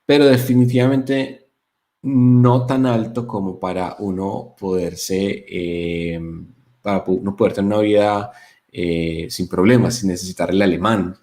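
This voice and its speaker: A man's voice: on the low side, a little slow. A young man from Colombia with a Colombian accent, a guest telling stories in a casual interview with many fillers. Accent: Colombian Spanish (Paisa). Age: young adult. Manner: animated storyteller, many fillers. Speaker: guest, software developer.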